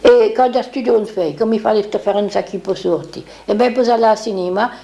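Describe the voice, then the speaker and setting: Older lady rambling through old memories, does the voices of people she quotes, dark gravelly voice. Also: medium pitch, a little fast, muffled recording. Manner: rambling, acts out quoted speech. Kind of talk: reminiscing oral history.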